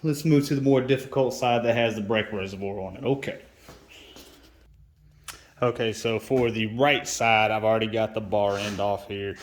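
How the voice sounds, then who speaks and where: A man's voice: lowish voice, fairly even intonation, moderate pace, reverberant. A man who is a mechanic talks casually through a motorcycle parts install, half-whispering to himself as he works. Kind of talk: casual how-to while working.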